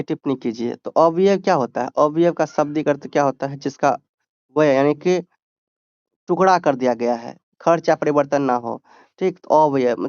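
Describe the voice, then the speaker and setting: A man's voice: on the high side, a little mellow, smooth, dry recording, lo-fi sound. A man tutoring students for an exam, explaining grammar step by step and answering his own questions. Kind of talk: exam-prep grammar lesson.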